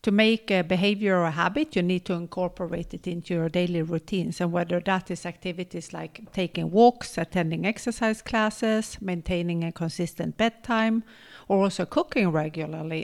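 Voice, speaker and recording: A woman's voice: fairly low pitch, fairly even intonation, moderate pace, vocal fry. A woman co-hosting a podcast, chatting casually and enthusiastically, laughing often. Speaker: podcast co-host.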